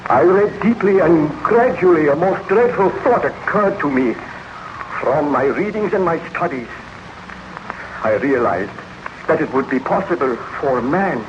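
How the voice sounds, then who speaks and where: An actor playing a remorseful baron and scientist confessing his crimes, declaiming solemnly in 1930s radio horror style. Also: a little high. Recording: dull, noisy old 1930s radio recording.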